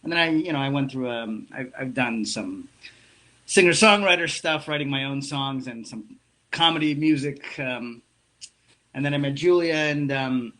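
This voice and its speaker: A man's voice: mid-range voice, moderate pace, sharp tone. A Russian-born musician talking about his background, hesitant, with many ums and restarts. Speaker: guitarist and singer. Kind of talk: casual interview chat.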